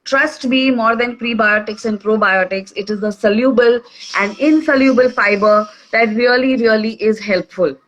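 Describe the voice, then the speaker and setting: A woman's voice: on the high side, normal speed, fairly bright tone, rough recording. A woman with an Indian English accent explaining simply over a video call, often checking in with "okay". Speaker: nutrition expert guest. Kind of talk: casual online talk.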